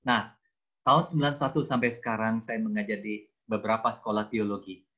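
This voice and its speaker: A man's voice: lowish voice, a little fast, bright, forceful tone. A man in his sixties, a theology teacher, giving a chatty, self-mocking personal testimony to a youth group and slipping into English phrases. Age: 60s. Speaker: guest speaker, theology teacher.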